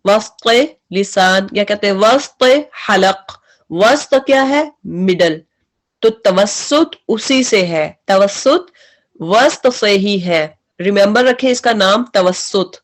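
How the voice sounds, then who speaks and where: A woman teaching Quran recitation rules. She asks questions and answers them herself, and stretches out her recited examples. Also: medium pitch. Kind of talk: tajweed lesson with recited examples.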